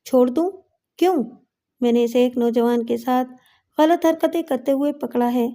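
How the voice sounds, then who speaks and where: A woman's voice: high voice, warm tone. A woman voicing a coarse, bullying corrupt police inspector in a story reading, talking down with mockery. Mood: sneering. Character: crude, leering corrupt male police inspector.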